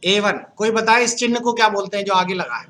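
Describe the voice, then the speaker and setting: A man's voice: high-pitched, brisk, pushed and bright, slight background noise. A man from Uttar Pradesh teaching a computer class, quizzing the students and joking with them. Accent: Uttar Pradesh Hindi. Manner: asks the class questions, jokes with students. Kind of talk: classroom lecture.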